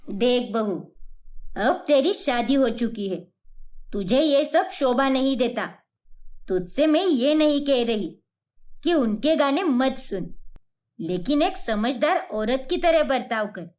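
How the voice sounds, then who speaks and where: A woman's voice: high voice, lively intonation, slow pace, darkish tone. A woman voicing a stern, traditional mother-in-law in a cartoon story, lecturing her daughter-in-law. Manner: preachy, lecturing. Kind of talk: cartoon voice acting.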